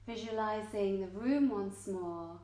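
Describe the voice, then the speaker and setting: A yoga nidra teacher guides a live meditation class in an indoor studio, her medium-pitched voice slow and gentle. She gives soothing instructions in short, measured phrases with long pauses, and the roomy studio echoes around her.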